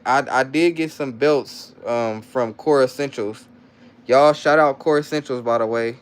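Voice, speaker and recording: His voice is mid-range with a darkish, clean tone. The young man is on a casual livestream, reading out comments from chat and replying in meandering slang with many restarts.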